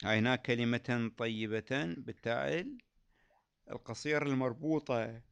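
A man's voice: mid-range voice, steady tone, gravelly, smooth. A man teaching a lesson on recitation rules, explaining patiently and repeating key phrases, in a dull lo-fi recording. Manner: chants quoted verses slowly.

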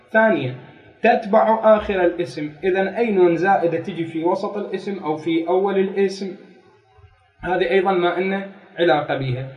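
A man's voice: sits high, roomy sound, recorded from a distance, highs cut off. A man giving a grammar lecture, working methodically through a text, repeating key phrases and asking rhetorical questions. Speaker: grammar teacher. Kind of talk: classroom lecture reading and explaining a text.

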